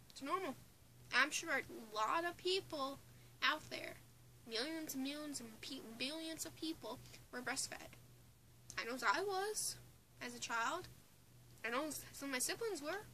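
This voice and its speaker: Recorded on a phone or webcam close in front, with low quality and slight background noise, an eighteen-year-old Newfoundland woman gives a casual opinion vlog from a small bedroom under a bunk bed. Her high-pitched voice is bright and forceful, and she rambles with giggles and restarts in her Newfoundland English accent, being from Newfoundland, Canada.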